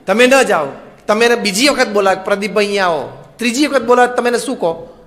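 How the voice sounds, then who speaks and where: A man, a monk, giving a sermon that mixes stories and gentle humor with slow, emphatic English phrases. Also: extremely high pitch. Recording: long hall reverb.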